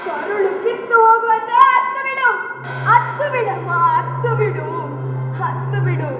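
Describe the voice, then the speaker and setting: A woman's voice: very high voice, animated, measured pace. A woman acting a consoler in a stage drama, pleading with a grieving mother and widow to weep. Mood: consoling. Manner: pleading, urges them to weep. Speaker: student stage actor. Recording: echoey hall, tinny phone-like sound, music behind.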